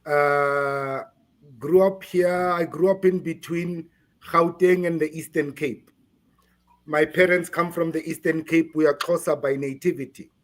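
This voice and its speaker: A man from South Africa being interviewed on a podcast, speaking haltingly and repeating words while he searches for them. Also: on the high side, fairly even intonation. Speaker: guest.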